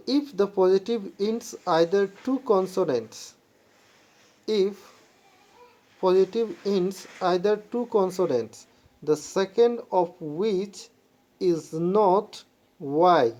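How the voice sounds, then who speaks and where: Mixing Hindi with English, a female teacher with a warm, lowish voice explains English grammar in a classroom-style lesson and spells out words letter by letter. Her delivery becomes slow and halting whenever she reads English rules.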